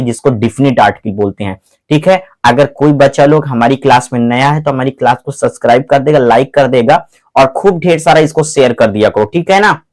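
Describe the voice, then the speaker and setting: Hindi-speaking male teacher quizzing his students. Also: medium pitch. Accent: Hindi-accented English. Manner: repeats questions back to the students, drawn-out stressed words. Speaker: English teacher. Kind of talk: classroom-style grammar lesson.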